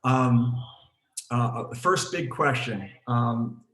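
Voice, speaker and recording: A man's voice: mid-range voice, drawn-out words. A man hosts an online panel as a program director. He talks loosely, with many fillers and restarts. His video call audio sounds roomy and echoey. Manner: relaxed, with frequent fillers and restarts. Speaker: program director hosting a webinar.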